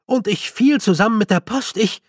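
A man's voice: sits high, normal speed, no echo, clean studio sound, voice pushed up. A man voicing a frantic young male con man, agitated and breathless. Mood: rattled. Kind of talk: audiobook character voice.

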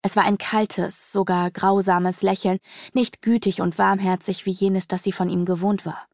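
A woman narrating a fantasy audiobook in a measured, expressive reading. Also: mid-range voice, no echo, clean studio sound.

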